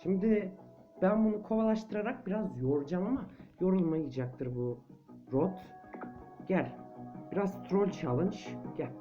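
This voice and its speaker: A man giving casual let's play commentary on a horror game, jumpy and quick to shriek and chant when chased. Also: high-pitched, animated, highs cut off, over music. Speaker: gameplay commentator.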